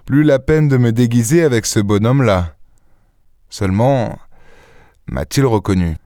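A man voicing a sly gentleman thief who speaks politely with a faint irony. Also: medium pitch, unhurried, dry recording, studio quality, natural voice. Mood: rusé.

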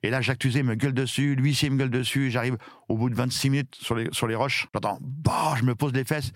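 Male guest, 50s, from France; quick, emphatic storyteller, dry recording. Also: medium pitch, dry recording. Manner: lively, emphatic, acts out shouted quotes. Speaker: interview guest. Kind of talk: animated storytelling in an interview.

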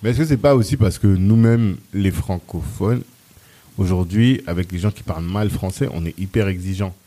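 A man's voice: deep voice, normal speed, mellow. A man hosting a podcast, asking probing questions and adding short agreements. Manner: brief backchannels, probing questions. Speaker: podcast host. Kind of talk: casual interview.

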